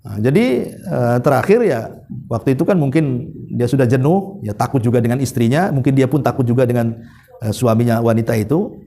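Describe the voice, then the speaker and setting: A male preacher, telling stories in a chatty, animated sermon. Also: medium pitch, brisk. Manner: chatty, animated retelling with laughs. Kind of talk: sermon storytelling.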